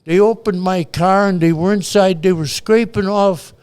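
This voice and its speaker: This Chicago storyteller, an older man chatting casually, speaks in a high, smooth, slightly mellow voice at an ordinary pace. His account of his past is blunt and full of profanity, with quoted voices acted out.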